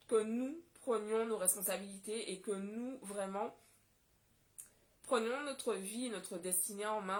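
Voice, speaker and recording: A woman from Guadeloupe delivers a casual solo vlog monologue. She talks with indignant passion. Her voice sits at a middle pitch. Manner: impassioned, indignant. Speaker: vlogger.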